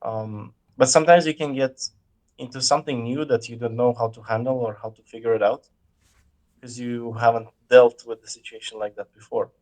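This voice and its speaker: A man in a casual conversation, explaining ideas in a measured way and often pausing to search for words. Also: mid-range voice, fairly even intonation, a little mellow. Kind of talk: casual chat.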